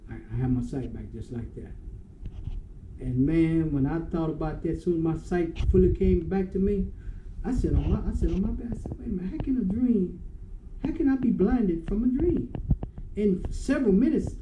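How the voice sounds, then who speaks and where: This man in his sixties has a high, dark-toned voice and tells the story of his dream with emotion, repetition and drama, acting out each moment. The room is echoey, with a faint hum underneath.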